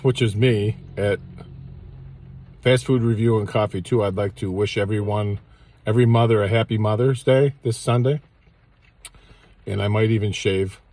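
A man in his sixties reviewing fast food in a rambling, jokey, self-mocking way, filming himself on a handheld camera. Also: on the low side, a little mellow. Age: 60s. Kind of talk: casual food review vlog.

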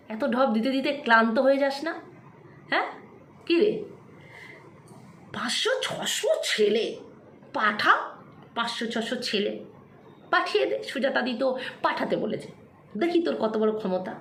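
A woman vlogger delivering an angry, taunting rant straight to the camera, scolding and repeating herself. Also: a little high. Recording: echoey room.

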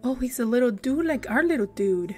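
A woman's voice: fairly high pitch, lively intonation, fairly quick, warm tone, slight background noise. A young woman giving casual gameplay commentary, talking to the game characters in a jumpy, giggly way. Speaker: let's play gamer.

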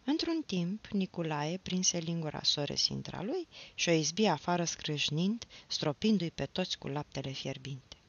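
A woman reading a novel aloud as an audiobook, in a measured storytelling manner. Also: low-pitched, very animated, gravelly, breathy edge, muffled recording. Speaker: audiobook reader.

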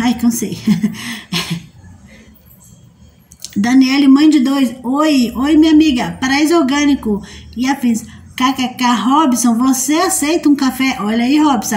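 A woman's voice: sits high, darkish tone, a little hiss or hum. A woman hosting a casual live stream, reading out viewer comments, greeting people by name and teasing them playfully.

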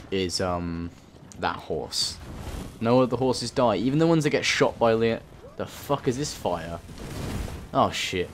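A man hosting a let's play, rambling and swearing through his gameplay commentary. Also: fairly low pitch. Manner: swearing, rambling, self-talking. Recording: voice under game noise.

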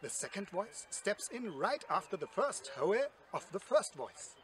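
A man's voice: sits high, big pitch swings, unhurried, fairly bright tone, husky. A man from Austria in his forties, speaking English with an Austrian German accent, explaining yodeling to children in a cheerful, plain way outdoors at a forest edge. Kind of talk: friendly explanation with yodel demos.

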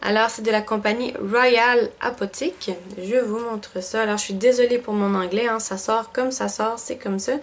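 A woman's voice: a little high, steady tone, a little fast, hardly any pauses. A woman with a Quebec French accent chatting casually through a beauty box unboxing, thinking aloud with lots of fillers. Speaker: beauty vlogger.

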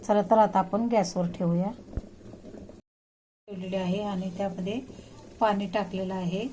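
Cooking host, woman, mid-range voice, calm step-by-step demo, home kitchen with audible clatter. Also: mid-range voice, unhurried, a little hiss or hum, low-quality recording. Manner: calm step-by-step instructions to viewers.

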